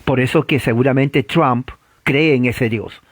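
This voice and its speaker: A man preaching a sermon, provocative and full of rhetorical questions, swinging from loud to low. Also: measured pace, no echo.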